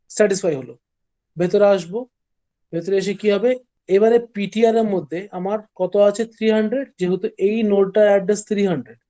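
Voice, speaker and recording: A man teaches a class in a warm, unhurried voice. He traces an algorithm one step at a time. He pauses often to ask whether his students have followed. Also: high voice. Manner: steps slowly through an algorithm, checking that students follow. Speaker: lecturer. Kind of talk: classroom lecture.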